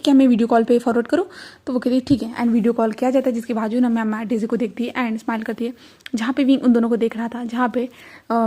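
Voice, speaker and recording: A woman's voice: on the high side, mellow. A woman casually retelling a fan fiction story, conversational and full of fillers.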